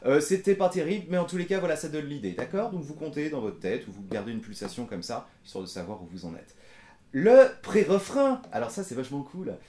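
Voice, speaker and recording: A man giving a casual guitar lesson in a small room, talking in a relaxed way and counting beats aloud. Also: a little high, a little fast, roomy sound. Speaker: guitar teacher. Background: electric guitar playing.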